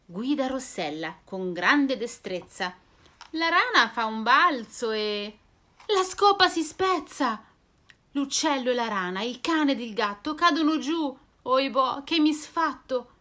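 A woman reading a rhyming children's storybook aloud, expressive and sing-song. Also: high-pitched, measured pace.

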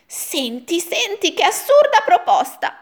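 A grumbling little old woman from a storybook, her voice pitched very high and drawn out slowly. swooping all over the place as she frets about her cramped house. The tone is shrill and theatrical. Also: big pitch swings, exaggerated voice. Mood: complaining. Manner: shrill, exaggerated complaining in rhyme. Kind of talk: storybook reading.

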